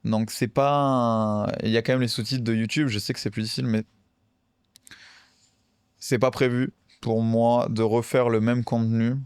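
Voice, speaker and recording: A man talking casually on a podcast, with a smooth, resonant voice. He hesitates often and restarts his sentences. The sound is dry, close to the microphone. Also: mid-range voice, little pitch movement, normal speed, a little mellow, dry recording. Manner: hesitant, many fillers and restarts. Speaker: podcast co-host, card game player.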